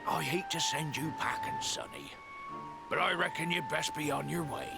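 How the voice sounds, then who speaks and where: An actor playing a gruff but kindly old sailor-like man in a video game, with folksy, weary speech and a gravelly voice. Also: on the high side, huge pitch swings, normal speed, exaggerated voice. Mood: kindly advising. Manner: folksy, old salt's dialect. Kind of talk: video game character acting. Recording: game music behind. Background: game music.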